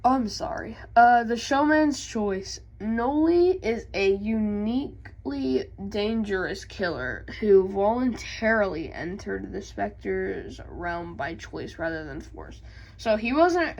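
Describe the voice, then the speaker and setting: A young woman vlogging about game lore, halting with many ums, reading passages and then explaining them in her own words. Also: medium pitch, gravelly. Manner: hesitant, many ums and restarts. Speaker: gaming YouTuber. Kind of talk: casual vlog and lore reading.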